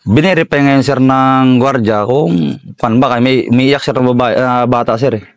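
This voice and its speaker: A middle-aged Filipino soldier from the Philippines, telling a war story in an interview, deferential and halting with many fillers. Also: male voice, mid-range voice, dry recording. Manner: deferential, says "sir" constantly, halting with fillers. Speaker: soldier recounting combat.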